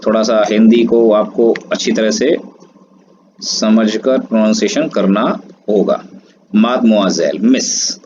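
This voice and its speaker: A man's voice: on the low side, slow pace. A man teaches a screen-based language lesson, spelling words out letter by letter and drawing out pronunciations. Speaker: French teacher. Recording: dull lo-fi audio, steady background noise.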